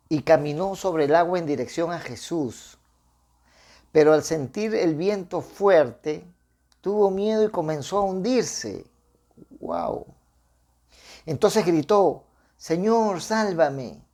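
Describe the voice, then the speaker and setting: A man's voice: a little high, expressive, slow, long pauses, a little mellow. Conversational man preaching a devotional. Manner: conversational, with frequent tag questions and restarts. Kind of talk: informal devotional sermon with Bible reading.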